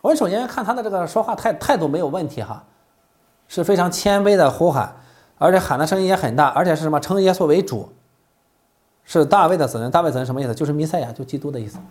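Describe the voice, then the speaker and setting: A man preaching a sermon with a fairly high voice that swings widely in pitch. He keeps putting rhetorical questions to his listeners and coughs here and there. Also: animated, fast, a little mellow.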